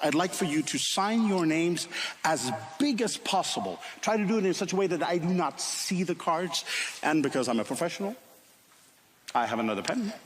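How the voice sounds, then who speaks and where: A man from Finland with a Finnish accent, performing stage magic patter with playful, chatty remarks to two volunteers. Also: fairly high pitch. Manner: playful, gesturing while talking. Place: TV studio stage with live audience. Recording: roomy studio with loud crowd and noise.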